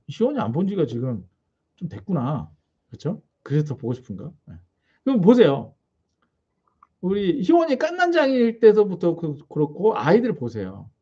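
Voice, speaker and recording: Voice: mid-range voice, warm tone, slightly rough. A pastor preaching a sermon in a small church, talking conversationally and putting questions to the congregation. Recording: dull lo-fi recording.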